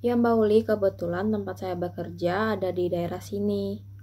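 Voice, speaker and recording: A woman's voice: medium pitch, steady tone, normal speed, warm tone, close to an everyday voice. A woman playing a polite daughter who explains things for her mother in an amateur role-play. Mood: polite, explaining.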